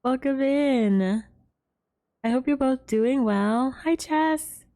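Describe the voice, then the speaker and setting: Her voice is high-pitched and mellow, and she speaks slowly while running a relaxed gaming livestream. She greets viewers with bubbly enthusiasm and giggles frequently as she chats.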